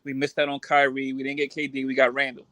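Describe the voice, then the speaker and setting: A man's voice: mid-range voice, completely flat delivery, fast talker, bright, forceful tone, dry recording. A man in his early thirties talking politely on a podcast from home, often saying "respectfully" and apologizing. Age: 30s. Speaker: podcast panelist. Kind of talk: casual podcast chat. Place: home in Queens.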